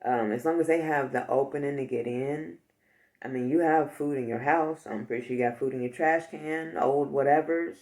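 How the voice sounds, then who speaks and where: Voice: medium pitch, moderate pace, darkish tone. A vlogger talking casually to the viewer, rambling and joking, with frequent asides. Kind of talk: casual chat.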